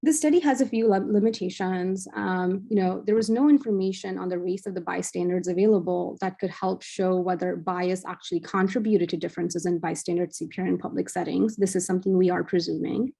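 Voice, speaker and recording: Young woman fellow presenting research; mellow, creaky voice, measured delivery with plenty of ums. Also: fairly low pitch, fairly even intonation. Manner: measured, frequent "um" fillers. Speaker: cardiology fellow presenting at journal club. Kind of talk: academic presentation.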